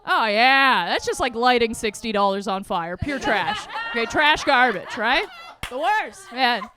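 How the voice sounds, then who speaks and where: A young woman from Canada doing a stand-up set, animated and punchy, laughing at her own jokes. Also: a little high, a little slow. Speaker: stand-up comedian.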